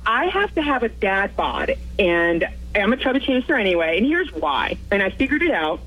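A woman's voice: mid-range voice, sing-song, normal speed, a bit bright, rough recording. A woman calling into a radio show, explaining her view confidently and emphatically. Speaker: radio caller. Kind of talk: call-in radio chat.

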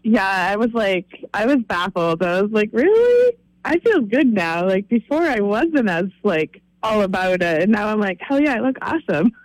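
A woman calling in to a radio show, telling a story in an animated, expressive way. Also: mid-range voice, moderate pace, no echo, low-quality recording. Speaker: caller. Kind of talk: phone-in story.

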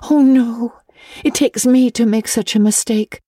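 Melodramatic schoolgirl, very high voice, anguished, stammering, sobbing, storybook character, close dry sound. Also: steady tone, a little slow, dark tone, no room sound. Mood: forlorn.

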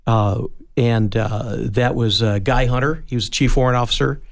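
A man's voice: mid-range voice, fairly even intonation, moderate pace, creaky. A man, a Marine veteran, interviewing casually and often jumping in to finish his guest's sentences. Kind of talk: conversational interview.

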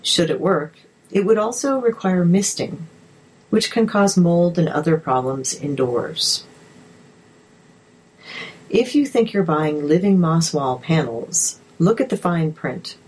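Slow, low-voiced woman narrator. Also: animated, a little mellow, husky, rough recording. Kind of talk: reading articles aloud.

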